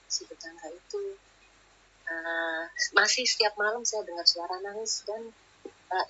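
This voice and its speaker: A woman's voice: on the low side, bright, forceful tone, a little hiss or hum. A woman telling a spooky personal story in a chatty, casual way, ending lines with filler tags, over lo-fi online audio. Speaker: guest storyteller. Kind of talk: casual spoken ghost story.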